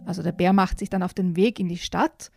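A woman talking enthusiastically about children's books in a casual, relaxed way, with frequent fillers. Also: on the low side, brisk, vocal fry, no echo, clean studio sound, faint music behind. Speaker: children's book reviewer. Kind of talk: casual book chat.

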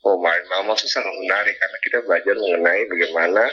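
A man's voice: deep voice, fairly even intonation, rapid-fire, husky, lo-fi sound. A young man from Papua, a graduate student, chatting earnestly in a casual interview and mixing in English words. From Papua, Indonesia. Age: young adult.

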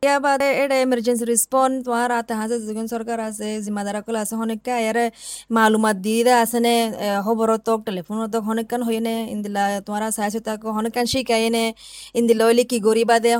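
A woman's voice: fairly high pitch, level tone, fast, a little mellow, no echo, clean studio sound. A woman who is a native Rohingya speaker, interviewing someone as a radio host.

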